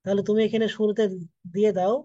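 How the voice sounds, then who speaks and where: A soft-spoken man in his thirties from Bangladesh, teaching an online English class for admission coaching. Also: high voice, flat delivery, fast, dry recording, lo-fi sound.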